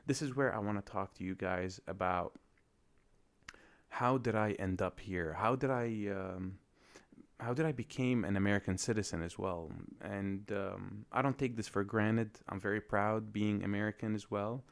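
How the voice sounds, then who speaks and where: Lebanese-born guy doing a solo podcast, lowish voice, thinks out loud with lots of ums. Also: normal speed, vocal fry. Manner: reflective, hesitant with many fillers. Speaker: podcast host.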